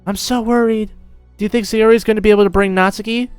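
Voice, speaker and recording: A man's voice: high-pitched, steady tone, quick pace, clear, resonant tone, no echo, faint music behind, pitched above the performer's own voice, lightly acted. A man voicing a cheerful, bossy teenage girl who runs a school club, in a raised girlish voice. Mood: worried.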